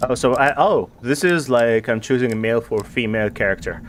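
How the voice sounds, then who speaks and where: A man from Egypt with an Egyptian accent, chatting quickly and excitedly as a streamer over gameplay. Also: medium pitch, a little hiss or hum. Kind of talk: casual gameplay commentary.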